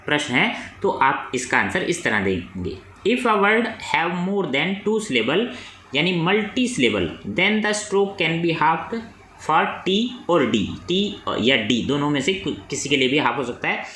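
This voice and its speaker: A man teaching shorthand rules, reading English rule lines slowly and then explaining them in Hindi. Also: on the high side, bright, forceful tone, slight background noise. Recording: echoey room with faint ambience.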